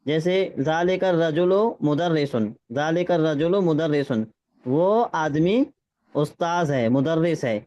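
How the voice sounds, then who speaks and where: Brief: male Arabic teacher, high voice, patient, slightly dull lo-fi audio. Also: warm tone. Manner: patient, checks understanding, reads Arabic phrases slowly. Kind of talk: classroom lesson with drills.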